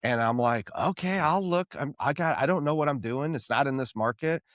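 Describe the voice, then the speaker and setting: A man's voice: medium pitch, brisk, no echo, clean studio sound. A man hosting a podcast, telling a story in casual chat and acting out the voices in it. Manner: animated storyteller, acts out quoted voices. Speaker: podcast host.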